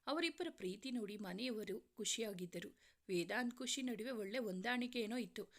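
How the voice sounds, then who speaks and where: A woman narrating a serialized romance story in a calm, measured storytelling way. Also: a little high.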